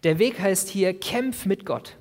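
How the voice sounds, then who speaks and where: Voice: mid-range voice, measured pace, darkish tone. Casting: emphatic youth preacher, dramatic first-person storytelling, long hall reverb.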